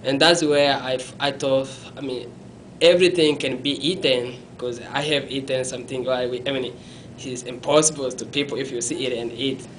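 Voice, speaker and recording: In this poor-quality interview recording, a young Congolese man recounts his past from a small indoor room, with the camera placed a few feet off. His speech stays level in pitch but is halting and non-native, full of self-corrections and restarts, and he gestures with his hands while talking. A constant rumble runs underneath.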